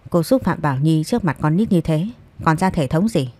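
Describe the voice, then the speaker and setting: A man's voice: a little high, expressive, fairly quick, a little mellow, dry recording. A woman voicing a cold, composed young man who speaks with icy firmness, in a storybook reading. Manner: icy, firm.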